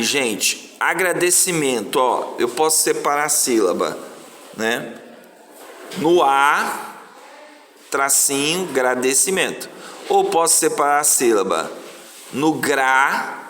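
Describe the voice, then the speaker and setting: A man's voice: medium pitch, fairly bright tone. A male teacher with a Brazilian Portuguese accent, patiently explaining a lesson and drawing out syllables. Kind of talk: slow classroom explanation. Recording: echoey room, faint noise.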